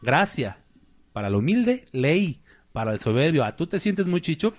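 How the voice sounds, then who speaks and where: A man preaching a sermon in a church hall, animated, asking rhetorical questions and acting out scenes. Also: a little high, normal speed, breathy edge.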